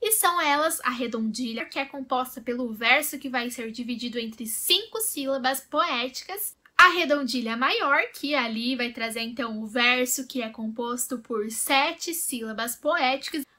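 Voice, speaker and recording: A woman explains poetry for a literature lesson. Her voice sits high, and her delivery is clear and measured, like a prepared script read by a teacher. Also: sharp tone.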